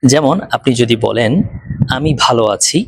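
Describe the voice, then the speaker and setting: A man from Chittagong teaches in a casual video lesson, speaking with a Chittagonian accent. His voice is slightly husky, and he says each example phrase slowly and carefully. The recording is dry, with no room echo. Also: medium pitch. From Chittagong, Bangladesh. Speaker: language teacher.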